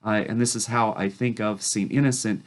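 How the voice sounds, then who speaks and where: A priest who is losing his voice gives a daily scripture reflection with a halting delivery and frequent pauses. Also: on the low side, steady tone. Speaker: Orthodox priest.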